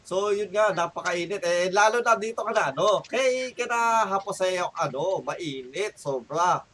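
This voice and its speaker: A man's voice: high voice, animated, a little slow, fairly bright tone. A middle-aged Filipino man hosting a casual podcast, rambling and laughing often. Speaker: podcast host.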